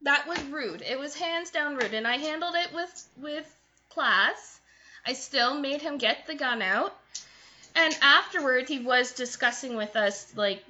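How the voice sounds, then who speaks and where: A woman chatting casually, telling an animated story and quoting people as she goes. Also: on the high side. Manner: animated storytelling with quoted voices. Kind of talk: casual chat. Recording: dull lo-fi sound.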